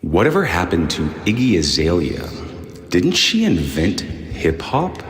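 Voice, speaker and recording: A man's voice: low voice, huge pitch swings, unhurried, voice pushed down, full character voice. A man doing a manic rambling inner voice, echoey. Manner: rambling, erratic, bursts into shouting. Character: unhinged male host's inner monologue, manic. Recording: echoey roomy reverb.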